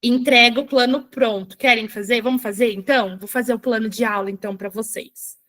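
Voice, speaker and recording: A woman running a live online workshop for teachers, chatty and checking in with her viewers, reading screen text aloud slowly, with a Brazilian Portuguese accent. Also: on the high side, steady tone, a bit bright. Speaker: teacher trainer.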